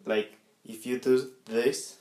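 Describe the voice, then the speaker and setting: A man giving an instructional demonstration, explaining step by step in a halting way with repeated words. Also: medium pitch, flat delivery, a little mellow. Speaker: instructor demonstrating body percussion sounds. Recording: echoey room.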